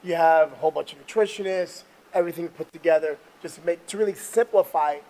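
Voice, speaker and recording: A high-voiced man hosts a chatty motivational interview while working out on a treadmill. He talks with a salesman's emphatic push, keeping it casual and punchy. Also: fast talker, a little mellow, rough recording. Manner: talking while exercising on a treadmill. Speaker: interview show host.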